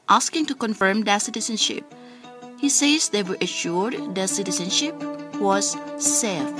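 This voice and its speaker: A woman radio reporter narrating a scripted news report in a calm, even way. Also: medium pitch.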